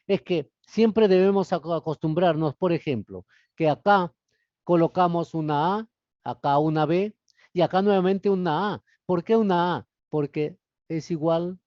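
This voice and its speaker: A male literature teacher giving a classroom lecture, explaining step by step and putting rhetorical questions to his class, his voice often trailing off softly at the ends of phrases. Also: a little high, no echo, dull audio.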